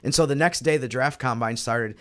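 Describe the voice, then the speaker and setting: In a casual sports roundtable, an American podcast panelist talks basketball briskly, his mid-range voice fairly bright in tone. He explains things loosely, adding hedged side comments.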